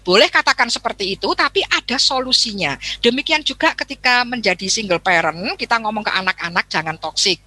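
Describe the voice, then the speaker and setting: Animated Javanese-accented woman lecturing. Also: medium pitch, a little fast, few pauses, dry recording. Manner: chatty, keeps addressing the audience; acts out quoted dialogue. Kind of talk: lively seminar talk.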